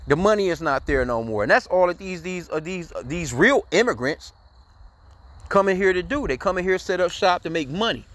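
A man's voice: sits high, animated, a little fast, a bit bright, dry recording. A man giving heated, profane, rambling commentary, tagging his sentences with "man", in casual talk to his viewers. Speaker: commentary channel host.

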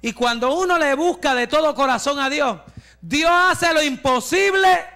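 High, gravelly-voiced preaching man. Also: moderate pace. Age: 40s. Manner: fervent preaching, rising to shouts, with joking asides. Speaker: pastor. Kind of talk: testimony sermon.

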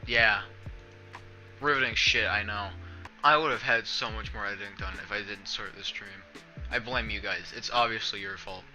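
A man's voice: lowish voice, normal speed, sharp tone, faint music behind. A young man chatting casually while streaming from his bedroom, rambling in a self-deprecating, sarcastic way with plenty of swearing. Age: young adult. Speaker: streamer and video editor. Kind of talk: casual rambling livestream chat. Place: small bedroom indoors.

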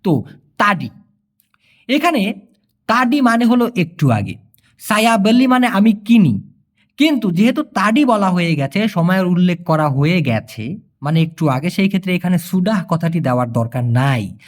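Lively language teacher. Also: medium pitch, normal speed. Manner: patient explaining, repeats phrases, acts out dialogue lines. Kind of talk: spoken language lesson.

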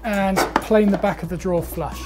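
A man's voice: high-pitched, steady tone, moderate pace, over loud music. A young man, teaching woodworking in a workshop, chatty and upbeat as he explains each step. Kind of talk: instructional talk.

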